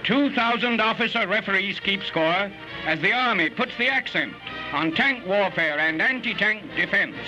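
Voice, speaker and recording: A man narrating an old 1940s newsreel with brisk, emphatic announcing. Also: high voice, lively intonation, poor audio. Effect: old newsreel soundtrack. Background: loud music.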